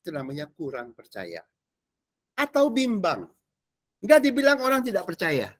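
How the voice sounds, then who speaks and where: Slangy pastor preaching casually. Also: male voice, sits high, normal speed. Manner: casual slangy preaching, quizzing the audience, animated swings between loud and soft. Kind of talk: sermon teaching a discipleship class.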